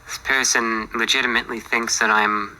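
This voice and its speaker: Man, very bright tense tone, calm understated casual monologue, mildly bemused, answering viewer mail. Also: mid-range voice, normal speed, poor audio. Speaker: YouTuber answering viewer emails.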